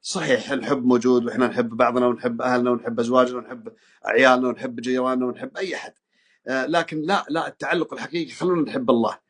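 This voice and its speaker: A man's voice: medium pitch, fairly even intonation, rapid-fire, husky. A man in his forties with a Saudi Gulf accent, giving an earnest religious talk to an audience, pleading and repeating phrases for emphasis. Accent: Saudi Gulf Arabic. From Saudi Arabia. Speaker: preacher speaking to an audience.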